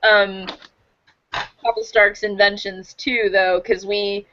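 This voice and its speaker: A woman's voice: medium pitch, little pitch movement, slow, lo-fi sound, noisy background. A woman in a casual fan recap chat, talking enthusiastically. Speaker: podcast co-host.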